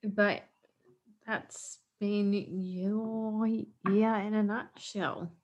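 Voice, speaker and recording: Woman podcast co-host, slow and steady, earnest supportive advice. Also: medium pitch, muffled recording. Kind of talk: casual chat.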